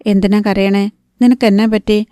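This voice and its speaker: A woman's voice: mid-range voice, steady tone, moderate pace, warm tone, no echo, clean studio sound, close to an everyday voice. A woman voicing an older grandmother in an audiobook, homely and doting, fussing over a small child. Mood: scolding.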